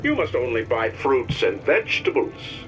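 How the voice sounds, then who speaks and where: A man's voice: fairly low pitch, animated, slow, distant mic, muffled recording, music in the background. A man voicing a preachy, grasping parasite in a children's cartoon propaganda tale. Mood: scolding.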